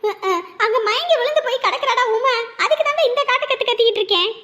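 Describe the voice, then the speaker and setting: A woman voicing a loud, quarrelsome older village mother in a cartoon who wails and scolds her son. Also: expressive, quick pace, full character voice. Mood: scolding. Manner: shrill, quarrelsome, wailing. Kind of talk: cartoon voice acting.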